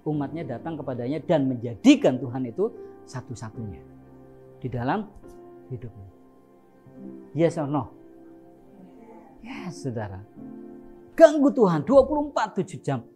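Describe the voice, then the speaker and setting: Animated male preacher. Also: medium pitch, measured pace, long pauses, soft background music. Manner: animated, jokes and laughs, acts out shouted prayers. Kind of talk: lively humorous sermon.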